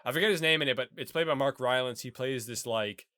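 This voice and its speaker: A man's voice: mid-range voice, fast, pushed and bright, no room sound, studio quality. Rambling man co-hosting a film podcast. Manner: rambling, many fillers and restarts. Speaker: podcast co-host. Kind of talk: casual chat about a movie.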